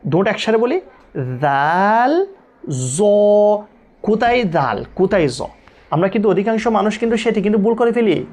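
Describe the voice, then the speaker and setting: A man teaching Quran recitation, drilling letter sounds slowly and repeating each one many times. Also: sits high, darkish tone.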